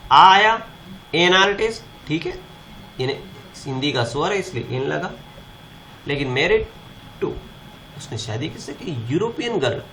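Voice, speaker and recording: A man's voice: on the high side, a bit bright, slight background noise. A man teaching a grammar lesson, asking the class questions and answering them himself.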